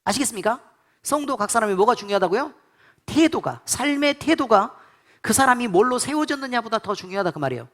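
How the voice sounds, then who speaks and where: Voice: mid-range voice, animated, a little fast, fairly bright tone. Pastor preaching, voice swoops all over, keeps asking the crowd stuff back, blunt and scolding. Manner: quizzes the congregation with repeated call-and-response questions. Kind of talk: sermon.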